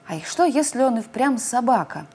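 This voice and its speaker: Brief: woman voicing cheerful curious hare, lively pitch, slightly husky. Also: moderate pace, full character voice. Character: playful curious young hare.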